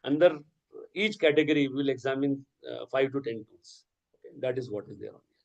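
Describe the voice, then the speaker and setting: Brisk and creaky, this mid-range male voice comes through a muffled recording. The speaker, a workshop resource person whose first language is Urdu, explains concepts to teachers over video and keeps checking in with "okay" and "right?".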